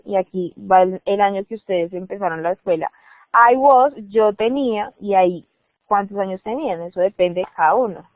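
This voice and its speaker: A woman's voice: mid-range voice, no room sound. A woman in her thirties teaching an English class online, walking students through the steps and checking in with them often. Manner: instructive, checks in with "¿listo?". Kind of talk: online class screen walkthrough. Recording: dry, phone-like narrow sound.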